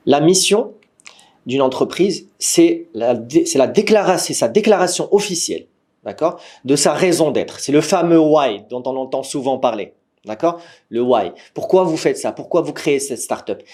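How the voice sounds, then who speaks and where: A man with a Moroccan French accent gives an online training to startup teams through his computer mic. His pitch sits in the middle, and he talks in a lively, questioning way, often asking if everyone agrees and restarting his sentences. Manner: says he is a gamer. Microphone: computer mic on a video call.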